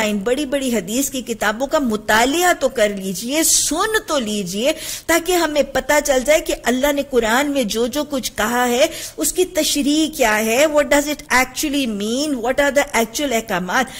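Earnest woman teaching hadith, Urdu accent. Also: high voice. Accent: Pakistani Urdu. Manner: earnest, emphatic, mixes English phrases into her teaching. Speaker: Islamic teacher giving a hadith lesson. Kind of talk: religious lesson, reading and explaining hadith.

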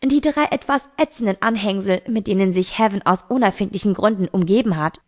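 A woman's voice: medium pitch, fairly quick, lightly acted. A woman voicing a teenage boy who insistently questions a close friend, in an amateur audiobook reading. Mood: pointed.

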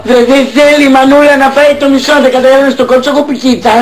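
A man's voice: extremely high pitch, little pitch movement. A man voicing a weary, scolding mother in a comedy sketch. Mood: exasperated. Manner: scolding, exasperated. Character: weary, fussing middle-aged mother. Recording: music playing behind.

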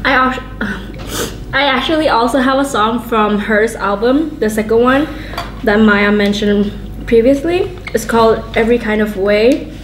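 A woman's voice: on the high side, measured pace, noisy background. Echoey young woman, mouth burning from spicy food. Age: 20s. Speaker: co-host of a music mukbang. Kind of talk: casual chat. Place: large open office room, indoors. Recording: roomy echo, music laid over. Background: music.

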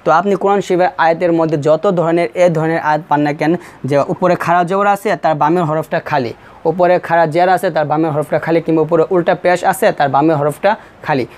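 A man with a Bangladeshi Bengali accent teaching the rules of pausing in Quran recitation, repeating each point slowly and drawing out the recited syllables. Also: fairly high pitch, a little mellow. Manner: slow, repetitive explanation, drawing out recited syllables.

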